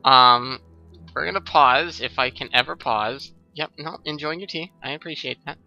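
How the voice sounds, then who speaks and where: A man's voice: medium pitch, moderate pace, gravelly, pushed and bright, highs cut off, soft background music. A young adult man doing sarcastic, ranting, profane gaming commentary. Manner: ranting, sarcastic, laughs often. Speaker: let's play commentator.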